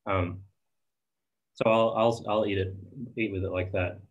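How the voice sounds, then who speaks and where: Man, husky breathy voice, lowish pitch, hesitant, soft-spoken, video-call talk. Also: fairly even intonation, a little slow, lo-fi sound. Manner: soft-spoken, hesitant with many ums and restarts. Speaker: spoon carver giving a demo. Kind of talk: casual video-call discussion.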